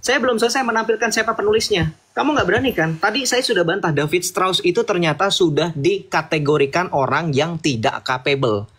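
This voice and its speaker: Combative man with a fairly high voice. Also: expressive, a little fast, few pauses, a bit bright, slightly rough. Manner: combative, sarcastic, lecturing; mixes casual slang with formal speech. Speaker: debater. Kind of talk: heated online debate.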